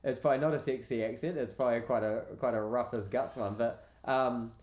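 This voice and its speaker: A man's voice: mid-range voice, steady tone, fairly quick, a little mellow. A man with a New Zealand accent, a rapper guest chatting casually in an interview, laid-back and rambling with lots of fillers.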